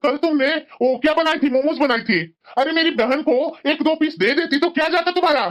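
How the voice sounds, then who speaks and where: A woman's voice: high-pitched, brisk, muffled recording, lightly acted. A woman voicing a stern young husband in a cartoon who lectures and scolds his wife. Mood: lecturing. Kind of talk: Hindi cartoon voice acting.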